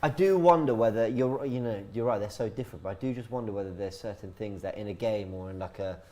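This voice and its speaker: Fast-talking man co-hosting. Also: on the low side, dark tone. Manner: eager, chatty, cheers on plays. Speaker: co-host. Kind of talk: casual football chat.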